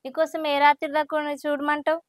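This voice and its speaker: A woman's voice: high-pitched, monotone, fast talker, no echo, clean studio sound, close to an everyday voice. A woman playing a young newly married wife who scolds her husband. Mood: scolding. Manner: scolding, hurt. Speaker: newly married wife in a village short film. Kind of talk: village family drama acting.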